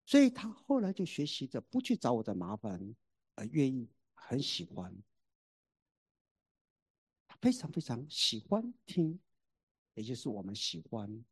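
A middle-aged father giving a sermon-style testimony about his family, telling it in an animated way that swings between loud and soft. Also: mid-range voice, a little slow, long pauses, slightly rough, dry recording, studio quality.

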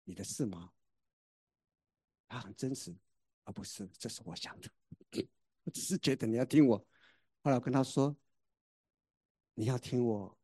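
A middle-aged father giving a sermon-style testimony about his family, telling it in an animated way that swings between loud and soft. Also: mid-range voice, normal speed, long pauses, husky, no room sound, clean studio sound.

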